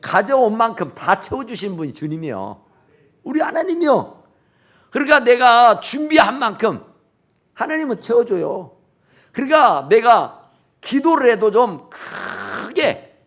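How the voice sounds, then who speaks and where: Emphatic high-voiced male pastor. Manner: emphatic preaching, acting out dialogue. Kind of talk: sermon. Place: church sanctuary. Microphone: TV camera recording.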